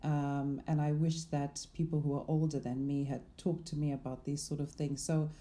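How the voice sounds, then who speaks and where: A middle-aged woman from Zimbabwe speaks as a guest in a casual interview. Her voice is low and very mellow and dark, and she talks thoughtfully, often saying "um" and "you know". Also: little pitch movement, normal speed. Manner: thoughtful, laughs lightly, many "um" and "you know". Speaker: guest, investment manager.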